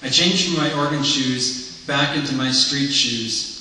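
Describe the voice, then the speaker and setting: A man's voice: mid-range voice, measured pace, pushed and bright, a little hiss or hum. A man reading the part of an earnest blind man confiding his past to a priest, in a candid, reflective monologue, heard in an echoey hall from far off.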